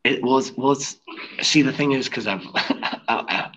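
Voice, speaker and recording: A teacher talking casually as a podcast guest, rambling with lots of fillers and laughing easily, heard over headphones on an online call. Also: male voice, mid-range voice, a little slow, a bit bright, husky, low-quality recording. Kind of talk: casual chat.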